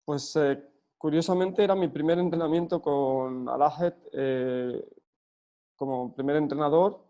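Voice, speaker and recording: A man from Spain, a football coach answering interview questions earnestly, pausing often with fillers. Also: fairly high pitch, dark tone, dull audio. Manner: earnest, hesitant with frequent fillers and restarts.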